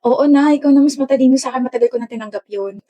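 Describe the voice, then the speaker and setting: A woman's voice: sits high, racing, mellow, far from the mic. A woman voicing a guarded, curt young woman in a comedy skit. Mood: flustered. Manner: curt and defensive.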